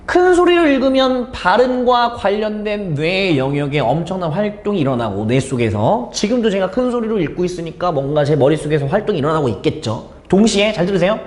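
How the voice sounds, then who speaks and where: A man's voice: high voice, lively intonation, brisk, hardly any pauses, echoey room. A man teaching an English exam lesson, asking the students questions and then answering them himself. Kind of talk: exam explanation lecture.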